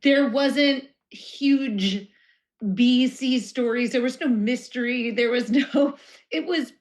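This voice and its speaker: A woman guesting on a casual movie podcast, relaxed and agreeable, chatting about films. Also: fairly high pitch, slow pace. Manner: relaxed, agreeable, short reactions.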